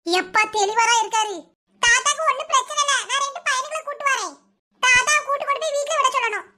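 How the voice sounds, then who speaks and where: A woman's voice: very high-pitched, quick pace, bright, forceful tone. A woman with a Kanyakumari Tamil accent voicing several village cartoon comedy characters, with scolding, teasing banter. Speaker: cartoon voice artist.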